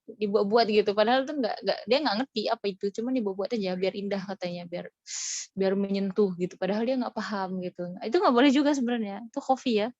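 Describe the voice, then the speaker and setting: A woman's voice: mid-range voice, fast, darkish tone, dull audio. A woman teaching an online recitation lesson in a chatty way, often demonstrating right and wrong readings.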